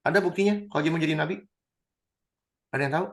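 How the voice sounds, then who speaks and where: A man teaching a Bible study, animated, swinging between loud and hushed. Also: on the high side, quick pace. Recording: roomy echo.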